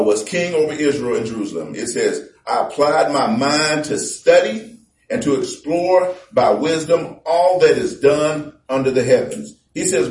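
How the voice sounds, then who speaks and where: A man preaching a conversational sermon, reading scripture slowly and with emphasis. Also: on the high side. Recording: echoey room from far off.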